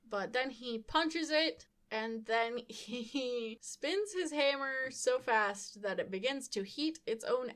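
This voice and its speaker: Brief: young female podcast host, casual and chatty, slightly high voice, laughing through wry comic recaps. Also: fairly bright tone.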